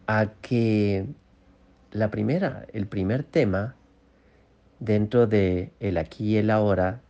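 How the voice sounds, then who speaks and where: A man teaching a mindfulness course module, gently coaching the listener and checking in often. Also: fairly low pitch, muffled recording. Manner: slow, repetitive, gently coaching with frequent "¿sí?" checks. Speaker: course instructor. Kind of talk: guided mindfulness lesson.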